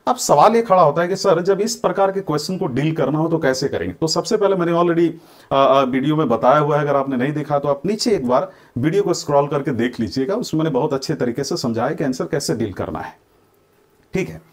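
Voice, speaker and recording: A man's voice: a little high, expressive, fairly quick. A male coaching teacher from India lectures students on answer writing, mixing Hindi with Indian-accented English and dictating model lines word by word. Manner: addresses students directly, checks they follow. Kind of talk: exam-prep lecture.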